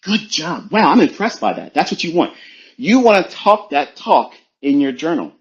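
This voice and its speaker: A man's voice: a little high, muffled recording. A man coaching traders in a blunt, preachy, profane motivational talk on a live audio space. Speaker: trading coach.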